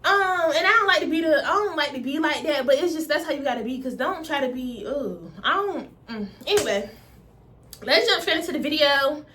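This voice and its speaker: A woman in her twenties with a stuffy nose, chatting to camera in fast, slangy talk. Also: high voice, lively intonation, sharp tone, a little hiss or hum. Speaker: vlogger. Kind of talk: casual chat to camera.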